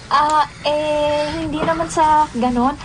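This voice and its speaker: A woman's voice: sits high, steady tone, slow pace, noisy background. A woman playing a hesitant, stammering young mistress in a radio drama.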